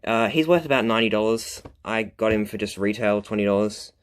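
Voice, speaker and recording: A man's voice: on the low side, a little fast, smooth. A young man chatting casually as he hosts a top ten countdown of his collection, with self-deprecating asides. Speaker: collector, video host.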